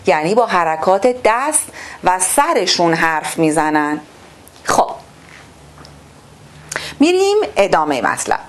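A woman teaching a sixth-grade literature lesson online, reading the text slowly and then explaining it to the children. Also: fairly low pitch. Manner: asks the class questions and answers them herself.

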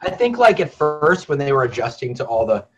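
Playful wisecracking man, lively pitch. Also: fairly quick, dull audio. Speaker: webinar co-host. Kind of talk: casual webinar banter.

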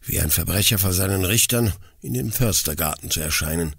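Low, husky male audiobook narrator. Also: fairly bright tone, dry recording, studio quality. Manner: measured, somber, with sighing low drops. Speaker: audiobook reader. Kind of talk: first-person literary narration.

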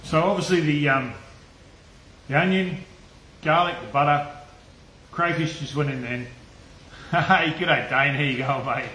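A man's voice: on the high side, a little slow, pauses often, sharp tone, slight background noise. Chatty Australian man cooking live. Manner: loose, chatty, swears freely, laughs often. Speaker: cooking channel host. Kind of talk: casual live cooking stream, chatting to viewers. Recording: echoey room.

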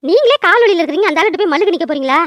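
Brief: calm dutiful young daughter-in-law, a woman plays her, high voice. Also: very fast, dry recording. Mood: wry. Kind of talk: cartoon voice acting.

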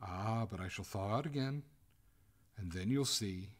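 Man voicing a melodramatic, formal lady ghost, animated pitch. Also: normal speed. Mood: threatening. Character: female water ghost, haughty lady turning to desperate pleading.

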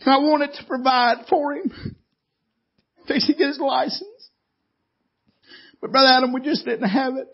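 High-voiced preacher man, husky. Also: measured pace, long pauses. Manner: folksy, animated storytelling with laughs. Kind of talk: storytelling sermon. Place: church meeting. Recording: dull lo-fi church audio.

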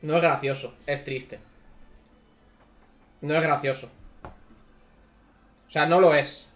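A man's voice: fairly high pitch, steady tone, slow pace, faint music behind. A man with a Spain Spanish accent, ranting and swearing repetitively as he reacts to game summons. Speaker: gaming streamer. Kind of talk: gacha summon reaction commentary.

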